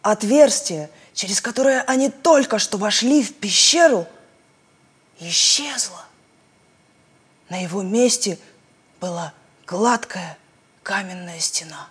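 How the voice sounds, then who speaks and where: A woman narrating a storybook in an expressive, dramatic reading style. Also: medium pitch, slow pace, long pauses, slightly rough.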